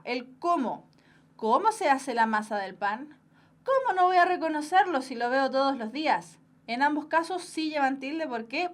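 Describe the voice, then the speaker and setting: A young woman with a Chilean Spanish accent teaching an online exam-prep grammar class, explaining step by step and checking in with her students. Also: high voice. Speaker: language teacher.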